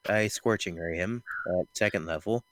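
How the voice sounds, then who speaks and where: A man's voice: fairly low pitch, moderate pace, fairly bright tone, no room sound. A man chatting casually as a player in a tabletop game.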